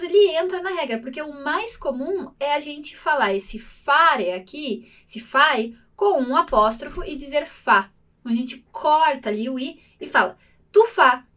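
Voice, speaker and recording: A woman's voice: high-pitched, a bit bright, far from the mic. A woman teaching Italian grammar in a lesson, explaining patiently and checking in often with her listeners. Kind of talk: online language lesson.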